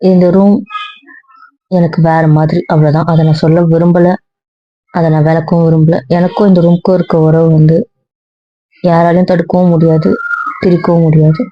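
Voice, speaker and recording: ஒரு பெண் நடிகை, தன்னை நியாயப்படுத்திப் பிடிவாதமாகப் பேசும் மனம் உடைந்த இளம் பெண்ணாக நடிக்கிறார். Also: female voice, deep voice, level tone, moderate pace, long pauses, soft background music, natural voice. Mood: emotional. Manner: emotional, insistent, repetitive. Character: hurt young woman defending her refuge. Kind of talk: web serial monologue. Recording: dry dull lo-fi sound.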